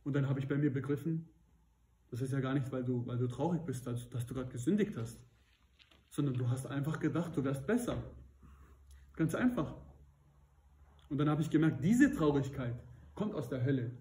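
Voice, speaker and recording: A man's voice: medium pitch, lively intonation, normal speed, long pauses, dark tone. A man preaching at a Bible study, earnest and questioning his listeners, rising to emphatic peaks. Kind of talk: sermon. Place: church hall. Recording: echoey room.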